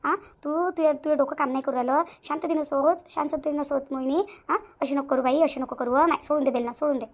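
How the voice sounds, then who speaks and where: A woman's voice: high voice, fairly even intonation, fast talker, hardly any pauses. A woman voicing a coaxing, pleading sister-in-law. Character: pleading older sister-in-law trying to calm her. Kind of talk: cartoon voice acting.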